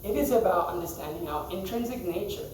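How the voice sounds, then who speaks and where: A man's voice: high-pitched, lively intonation, brisk, darkish tone, slight background noise. A man teaching a scripture class to a group in a temple, talking conversationally, quizzing the audience and laughing often. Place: temple hall. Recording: echoey hall, mic far off.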